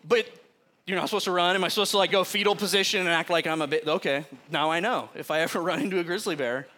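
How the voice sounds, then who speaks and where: A man with a rather high, bright and forward voice preaches in an easy, conversational way. He tells stories with lots of energy and laughs as he goes. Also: fast talker. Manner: animated, chatty storyteller who often laughs mid-sentence. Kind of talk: casual sermon with personal storytelling.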